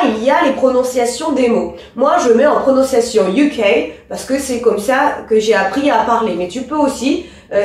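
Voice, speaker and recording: A woman's voice: a little high, distant mic. A woman teaching an English lesson, explaining rules to a pupil and stressing the example words, speaking directly to the listener. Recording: echoey room, a bit off-mic.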